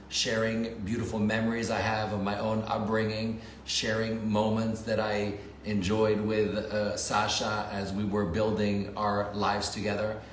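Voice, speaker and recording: A middle-aged man chatting casually on a livestream, speaking thoughtfully and pausing often with fillers. He grew up in Paris and Geneva, and English is not his first language. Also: on the low side. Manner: thoughtful, halting with many fillers. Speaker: co-host, film director. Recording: echoey room with faint noise.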